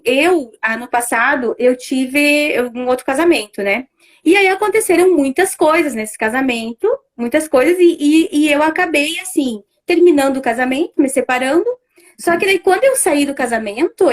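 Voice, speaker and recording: A middle-aged woman with a high voice speaks in a loose, conversational way. She fills her talk with restarts and little fillers, as if chatting during a live stream. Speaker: family constellation facilitator.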